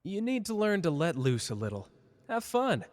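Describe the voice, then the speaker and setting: A man's voice: sits high, sing-song, normal speed. Man acting cocky, flirty Gojo in long reverb. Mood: smug, teasing. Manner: teasing, casual, boastful. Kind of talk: ASMR character roleplay addressed to listener.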